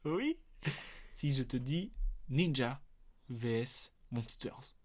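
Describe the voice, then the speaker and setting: A man's voice: medium pitch, slow. A man hosting a casual movie quiz podcast, teasing and joking with his co-host. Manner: teasing, jokey, lively swings in tone. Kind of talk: playful casual chat.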